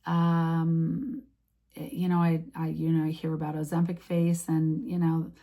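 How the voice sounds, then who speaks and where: A woman's voice: deep voice, monotone, a little slow, warm tone. A woman in her late fifties chatting casually to her followers, rambling with many restarts and fillers. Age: 50s. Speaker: vlogger. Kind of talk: casual chat to camera.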